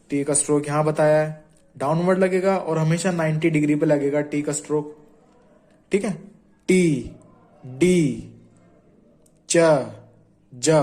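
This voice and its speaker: Young male tutor, slightly high voice, repeats each sound and quizzes the learner, casual lesson. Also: darkish tone, poor audio. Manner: explains patiently, repeats sounds and quizzes the viewer. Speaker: shorthand teacher. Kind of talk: informal classroom-style tutorial.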